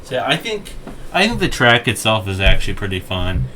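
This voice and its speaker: A man's voice: fairly low pitch, big pitch swings, moderate pace, noisy background. A young man chatting casually while ranking game tracks, rambling with lots of restarts and jokey asides. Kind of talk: casual gaming chat.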